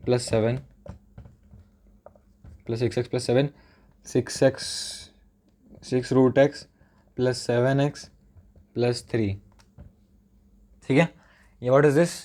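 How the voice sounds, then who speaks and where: A young male maths teacher explains a lesson in a casual, chatty way. He switches freely between Hindi and English and says each definition slowly, several times over. Now and then he drops a joking aside to his viewers. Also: medium pitch, a little mellow.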